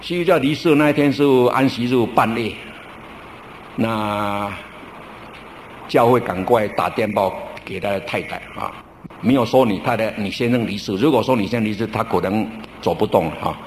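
A middle-aged male pastor preaching a sermon in a relaxed, storytelling way, drawing out his sentence-end particles. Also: fairly low pitch, moderate pace, slight background noise. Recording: roomy church recording with faint ambience.

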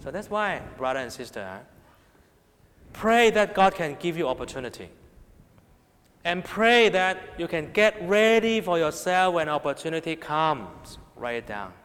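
A man with a Hong Kong Cantonese accent preaches to young people at a measured pace, his voice on the high side, expressive, and a bit bright. Emphatic throughout, he often raises and drops his voice, asks rhetorical questions, and checks in with listeners again and again, under a long hall reverb.

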